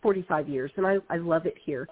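A woman's voice: sits low, a little fast. A woman in her fifties, an author guest, talking frankly and energetically in an interview conversation. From United States (Ohio, North Carolina). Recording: tinny phone line.

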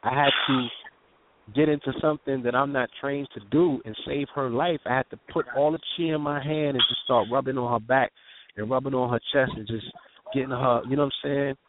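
A guest tells a personal eyewitness story with intensity and vivid detail, using casual street slang and often asking "you know what I'm saying." His mid-range voice moves a little fast with fairly even intonation; it's a raw, conversational account over a tinny, dry phone line that is very noisy.

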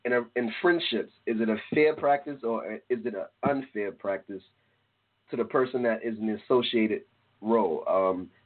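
A man co-hosting a casual talk show, animated and profane, often laughing and breaking into shouts. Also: fairly low pitch, normal speed. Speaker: podcast co-host. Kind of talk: casual chat show banter. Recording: tinny phone-like line.

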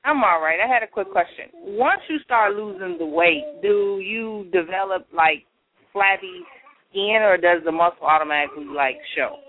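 A woman calling into a radio show over the phone, asking a question in a slow, hesitant way. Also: mid-range voice. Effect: caller heard over a phone line on a radio show. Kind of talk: call-in question. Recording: tinny phone line.

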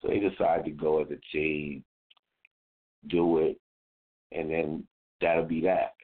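A man hosts a radio show in a loose, casual chat, dropping slang as he talks. His voice is extremely low. The sound is narrow and thin, like a phone line. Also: level tone, slow pace. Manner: laid-back, slangy, often adds "man" and "yo".

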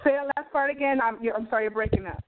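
A woman's voice: a little high, rapid-fire. A woman writer on a phone line, giving agreeable short replies and hesitating with fillers when she talks longer. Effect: heard over a phone line. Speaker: writer on a call. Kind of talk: casual call. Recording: tinny call line with faint noise.

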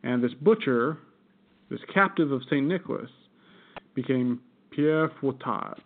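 A man's voice: medium pitch, unhurried. An American man co-hosting a podcast, telling a folklore story in a rambling, laughing casual chat. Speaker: podcast co-host. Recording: tinny phone-like audio.

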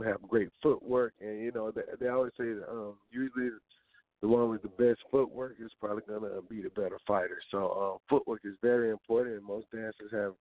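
A man's voice: mid-range voice, dry recording. Southern man on a tinny phone-like line. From Georgia, US South. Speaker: interview guest, boxer and former dancer. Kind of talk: casual interview chat. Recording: tinny, dry phone-like radio sound.

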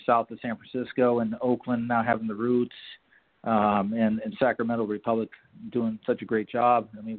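A man who owns a soccer club, a guest explaining things in casual chat and often restarting his sentences. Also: mid-range voice. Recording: tinny phone line.

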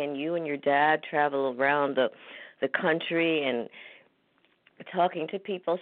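Encouraging interview host, laughs easily, mid pitch; lo-fi phone line, dry. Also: dry recording. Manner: encouraging, laughs often, restarts sentences. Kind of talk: casual interview.

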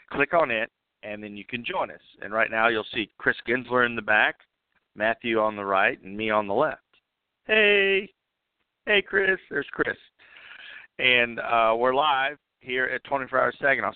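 A man's voice: medium pitch, clear, resonant tone, dry recording. Chatty man hosting over a phone line. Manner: chatty, halting, many fillers and restarts. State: coughing, clearing throat. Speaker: host. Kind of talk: casual live call-in show, roving outdoors. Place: outdoors at a railway depot event. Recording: tinny phone line, dry.

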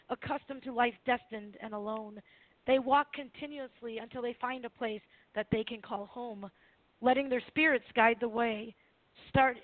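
Woman radio caller on a phone line, kinda high voice, giggly, reads her poems, super tinny. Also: no echo. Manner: giggly, hesitant between readings. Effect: tinny phone-line sound of a call-in caller. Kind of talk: reading her own poetry on air.

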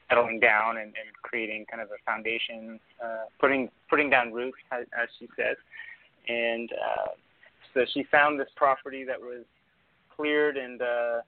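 A man from Argentina, a winemaker guest, telling his story in a relaxed, unhurried way. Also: medium pitch, no echo. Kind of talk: casual interview. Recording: phone-line sound.

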